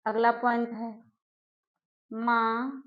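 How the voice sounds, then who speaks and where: Woman teacher, fairly high voice, slow syllable drills, dull lo-fi sound. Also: little pitch movement. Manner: slow, drawn-out syllable drills with repeated questions. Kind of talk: exam-prep grammar lesson. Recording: dull lo-fi recording.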